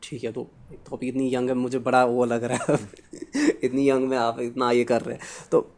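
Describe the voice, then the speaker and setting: A man's voice: medium pitch, level tone, moderate pace, a little mellow, a little hiss or hum. A man hosting an interview podcast, asking long, wandering questions in a conversational way and slipping in English phrases. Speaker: podcast host.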